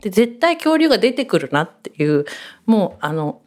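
A woman hosting a radio show, telling rambling stories in a chatty, animated way. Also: mid-range voice, normal speed. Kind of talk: casual radio chat.

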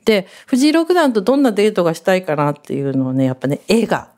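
A woman hosting a radio show, telling rambling stories in a chatty, animated way. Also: mid-range voice, quick pace. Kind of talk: casual radio chat.

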